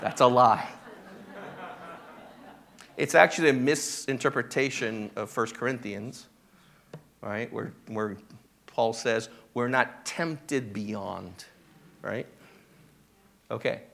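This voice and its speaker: Slow-speaking male pastor preaching. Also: medium pitch. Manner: conversational, checks in with "right?" and "okay?"; animated when acting out the disciples' reactions. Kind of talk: sermon.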